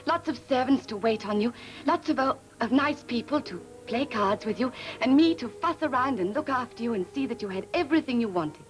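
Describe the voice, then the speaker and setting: An actress playing an eager, devoted young dress designer in a 1950s film, earnest and deferential. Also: female voice, a little high, lightly acted. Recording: old film soundtrack with music.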